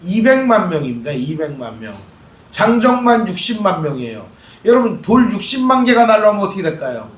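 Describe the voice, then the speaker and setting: A male pastor preaching a lively sermon, asking the congregation questions and acting out voices. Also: high-pitched, a little fast. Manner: animated preaching, acts out quoted voices, asks the congregation questions. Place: church sanctuary. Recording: echoey church hall, mic at a distance.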